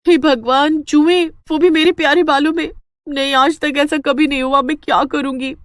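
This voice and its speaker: Woman doing a shrill, vain young daughter-in-law. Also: lively intonation, brisk, no room sound, lightly acted. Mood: panicked. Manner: whiny, shrill and high.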